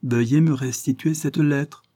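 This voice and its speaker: Man reading as a calm young lawyer, firm, good-humoured, dark husky voice, storybook. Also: mid-range voice, moderate pace, natural voice. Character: calm self-possessed young male lawyer.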